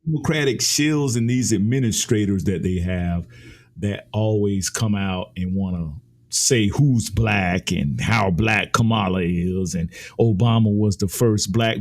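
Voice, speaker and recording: A man's voice: lively intonation, measured pace. A man giving heated, emphatic political commentary, his voice climbing as he argues. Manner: impassioned, emphatic, rises in pitch when ranting.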